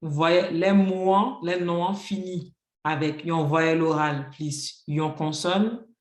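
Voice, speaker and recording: A teacher works through a grammar lesson at a patient, even pace. Each rule gets an example, and "ok, donc" keeps coming back between points. The voice carries a roomy classroom echo at a middle pitch. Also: takes it slowly. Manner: patient, spells out rules with examples, frequent "ok, donc" fillers. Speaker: Haitian Creole teacher.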